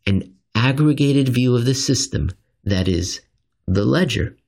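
A man with a gravelly, medium-pitched voice narrates a written finance commentary. His scripted style is expressive, with dramatic, deliberate phrasing.

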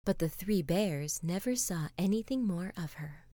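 Soft-spoken woman reading a bedtime story. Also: on the low side, expressive, measured pace, dry recording, clean studio sound. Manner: soft-spoken, often dropping to a whisper.

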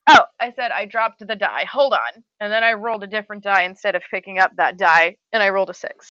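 A woman playing a tabletop game, lively and playful, sometimes speaking in character. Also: medium pitch, fast talker, dry recording, highs cut off. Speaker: player. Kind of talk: tabletop role-play, casual chat.

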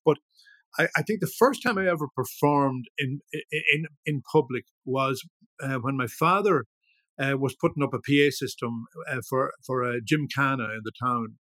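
A man of about seventy with a north-west of Ireland accent, reminiscing casually in an interview in a halting, rambling way that often repeats words. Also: medium pitch, a bit bright, no echo. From Ireland, grew up in Ballyshannon, County Donegal. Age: 70s. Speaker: guest, veteran musician.

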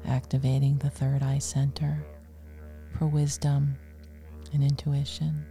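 Female meditation guide, soft near-whisper, soothing, little melodic movement, creaky edges, music underneath. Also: very deep voice, completely flat delivery. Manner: soothing, hushed, with long pauses between short phrases.

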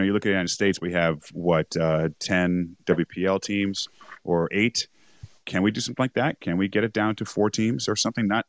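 A man co-hosting a rugby podcast, rambling and correcting himself, a little hoarse as he is losing his voice. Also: sits low, dry recording. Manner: rambling, self-correcting, chuckles often. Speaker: podcast co-host. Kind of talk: casual rugby chat.

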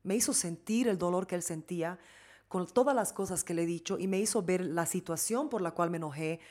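A woman with a Bolivian Spanish accent speaks in a somewhat low voice, chatting casually. Her storytelling is candid and loose, full of restarts and fillers. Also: fairly quick, darkish tone. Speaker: guest. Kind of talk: casual chat.

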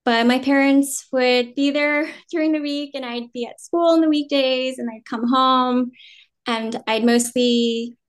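A smooth, high-sitting voice belongs to a woman in her thirties from New Jersey, a guest actor chatting casually and unhurriedly in an interview. Vietnamese came first for her, but she now speaks with an American accent. She rambles at ease, with many "um"s and "like"s, laughing easily.

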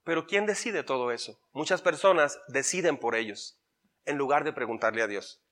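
A man with a Mexican accent, a pastor preaching an animated sermon that swings from loud to soft. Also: medium pitch, normal speed.

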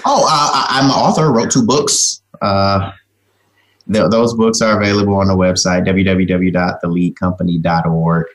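A man's voice: sits low, steady tone, normal speed. A man speaking as an interview guest in an informal, folksy way, often dropping in "man" and "you know". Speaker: interview guest, communication trainer and author. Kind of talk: casual interview talk.

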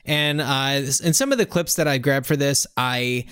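Relaxed man describing film scenes. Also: mid-range voice, normal speed, clean tone, no room sound, clean studio sound. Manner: relaxed, explaining scenes with fillers. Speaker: podcast co-host. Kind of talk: casual film discussion.

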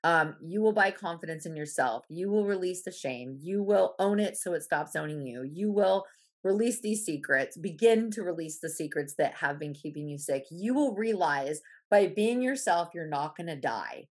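A woman's voice: lowish voice, animated, normal speed. A woman guest in a casual podcast interview, blunt and emphatic, who swears freely.

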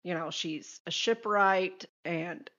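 A woman's voice: on the low side, takes it slowly, a bit bright. A woman playing a character in a tabletop game, chatting casually. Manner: casual, rambling. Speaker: player. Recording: dull lo-fi mic.

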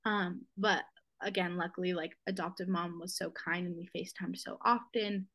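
A young woman, a podcast guest, telling a personal story in a halting, emotional way, with many fillers and restarts, close to tears. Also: on the low side, fairly even intonation, a bit bright.

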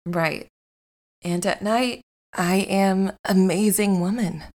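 An actress playing a patient, earnest young superhero bride in an audio drama. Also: female voice, medium pitch, takes it slowly, a little mellow.

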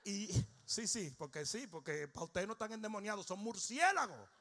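A male pastor, preaching a humorous sermon that swings from shouting to low, joking storytelling. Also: sing-song, normal speed.

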